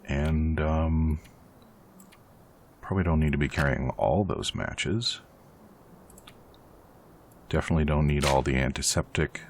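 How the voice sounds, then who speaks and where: Very deep gravelly male game commentator. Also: a little slow, pauses often, a little hiss or hum. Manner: chatty, rambling, self-deprecating. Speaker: let's play host.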